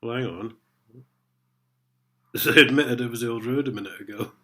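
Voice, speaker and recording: Reading letters aloud with chuckles, a vlogger who sounds stuffed up from a head cold rants sarcastically and casually. His voice is medium-pitched and a bit bright, at normal speed.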